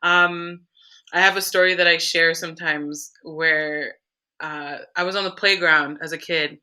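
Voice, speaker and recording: A woman's voice: sits low, fairly even intonation, measured pace, pushed and bright, clean tone. A young woman from Canada, a podcast guest telling her story in an earnest, reflective way. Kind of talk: candid conversational interview.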